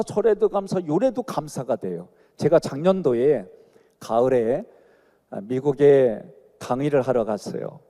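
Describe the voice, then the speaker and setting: A man's voice: sits high, mellow. A middle-aged man preaching with a Chungcheong accent. He tells folksy stories and jokes with the congregation, calling on them to repeat after him. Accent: Chungcheong Korean dialect. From Chungcheong Province, Korea. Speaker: guest pastor. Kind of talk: sermon with personal stories. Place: large church sanctuary. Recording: long hall reverb of a sanctuary.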